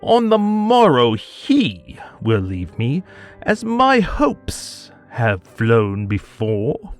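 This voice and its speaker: A man voice actor giving a theatrical poetry reading, swinging between hushed murmurs and anguished cries. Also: mid-range voice, wildly swooping pitch, very slow, soft background music. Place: home studio.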